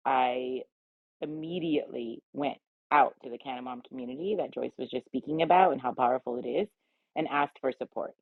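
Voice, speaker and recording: Speaking as a round-table guest on a remote audio chatroom call, an assertive American woman who advocates for cannabis shares personal stories candidly and emphatically. Her low, rumbling voice is husky and full of vocal fry, and she talks briskly. The audio is roomy, thin, and tinny like a phone line.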